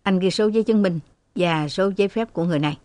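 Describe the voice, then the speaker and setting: A woman's voice: mid-range voice, fast talker, dark tone, no room sound, lightly acted. A woman reading the lines of an arrogant, mocking male police officer in an audiobook. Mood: sneering. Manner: mocking, bullying.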